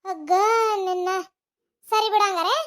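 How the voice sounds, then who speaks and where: Woman doing a defiant young village wife, North Karnataka Kannada accent, squeaky high voice, bright, scolding retorts, cartoon comedy. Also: measured pace. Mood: indignant.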